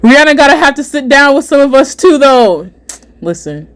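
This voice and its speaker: A young adult woman hosting a casual livestream chat, reading viewer comments aloud, animated and repeating herself often. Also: sits high, a little fast. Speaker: livestream host.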